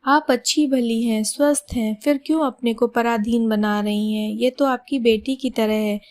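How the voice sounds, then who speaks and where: A woman's voice: fairly high pitch, fairly even intonation, normal speed, natural voice. A woman voicing a wise male doctor. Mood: advising. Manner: gentle, instructive counsel.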